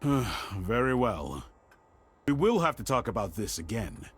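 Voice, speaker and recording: A man's voice: on the low side, sing-song, a little slow, slightly rough, heavily acted. An actor playing a stern middle-aged director of a girls' home, formal and scolding, in a dramatic video game scene. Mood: stern, concerned.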